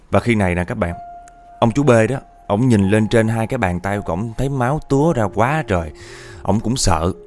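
A man's voice: medium pitch, a little mellow. A man narrating a ghost story in a chatty way, often speaking straight to his listeners. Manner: chatty, addresses listeners directly.

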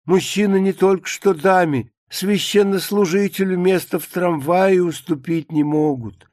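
A sanctimonious, grumbling mistress of the house, read by a man. Her complaints come in a fairly high voice, and the sound is close and dry with no room. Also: unhurried, darkish tone, no room sound. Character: pious grumbling middle-aged woman, household mistress. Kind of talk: dramatic reading of a play.

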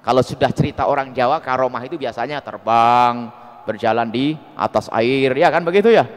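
A man preaching a sermon, animated and swinging from soft asides to loud emphasis. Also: medium pitch, a little fast. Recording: long hall reverb.

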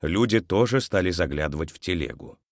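This is a deep-voiced male narrator telling a children's story briskly and expressively, his voice quieting when the tale turns sad. The recording is close-miked and completely dry.

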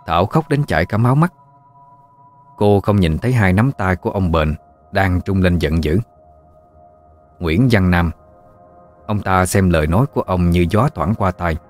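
Low-voiced man telling a ghost story. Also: moderate pace, pauses often, faint music behind.

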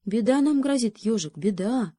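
A woman's voice: fairly high pitch, lively intonation, moderate pace, warm tone, no echo, clean studio sound, voice pushed up. A woman voicing a young male beaver cub in a storybook, anxious and stubborn, talking in fretful exclamations. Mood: worried.

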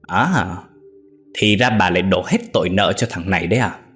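A cruel, brutish son, as a male storyteller plays him, snarling and cursing in a low, harsh voice. A storybook villain, contemptuous and bullying, with faint music behind. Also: normal speed, fairly bright tone.

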